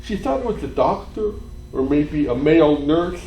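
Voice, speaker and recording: A man, a priest, telling a story in a retreat sermon, dropping to a hush and rising to shouts. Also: fairly high pitch, lively intonation, normal speed. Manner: dramatic storytelling, swings from hushed to shouting. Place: cathedral. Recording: echoey church hall, faint room noise.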